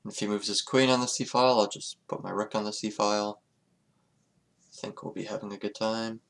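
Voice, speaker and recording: A man's voice: lowish voice, steady tone, brisk, vocal fry, a bit bright. A man streaming a chess game, thinking aloud in a casual, hesitant, muttering way. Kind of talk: casual live commentary while playing.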